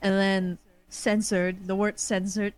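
A woman's voice: medium pitch, slow. Joking woman guest on a podcast. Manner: joking, deadpan, swears freely. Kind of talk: casual podcast chat.

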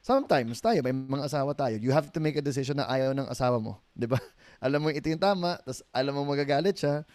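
Here the pastor guest, a middle-aged Filipino man, keeps a brisk pace at medium pitch with no echo. On this relaxed podcast he spins animated stories, voicing the characters he quotes and breaking into easy laughter.

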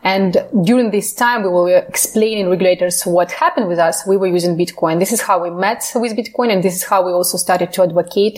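A woman from Ukraine, a human rights advocate answering interview questions earnestly in phrasing with frequent fillers. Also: lowish voice.

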